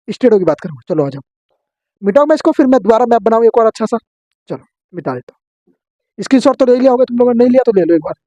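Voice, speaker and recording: A man teaching an exam-prep geography lesson, drilling his students with quick questions and answers. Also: extremely high pitch, warm tone, dry recording.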